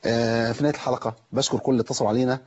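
A man's voice: medium pitch, level tone, very fast, highs cut off. A man with an Egyptian accent giving a televised lesson on pronouncing Quranic letters, explaining step by step and quizzing his viewers. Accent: Egyptian Arabic. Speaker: Quran recitation teacher.

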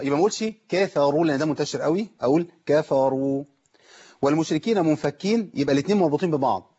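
A man's voice: fairly high pitch, a little mellow, husky, highs cut off. A man with an Egyptian accent giving a televised lesson on pronouncing Quranic letters, explaining step by step and quizzing his viewers. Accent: Egyptian Arabic. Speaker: Quran recitation teacher.

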